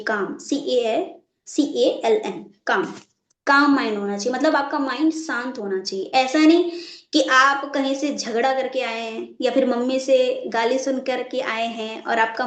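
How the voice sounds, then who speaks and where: A woman with a high voice leads a live online training class, asking her listeners over and over whether it is clear. She repeats each point a few times. The sound is echoey, as if she is in a bare room. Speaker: network marketing trainer.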